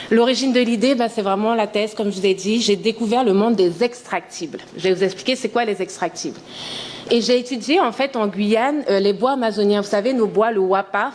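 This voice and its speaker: A woman's voice: medium pitch, a little mellow, a little hiss or hum. A woman in her thirties from French Guiana, an entrepreneur giving a conference talk, speaking earnestly and with enthusiasm, with frequent hesitations. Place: conference hall.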